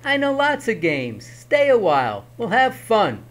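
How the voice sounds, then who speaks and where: A man's voice: fairly high pitch, very animated, unhurried. A man reading a cheerful, teasing trickster. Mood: pleading. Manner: bright and teasing. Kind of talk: storybook read-aloud.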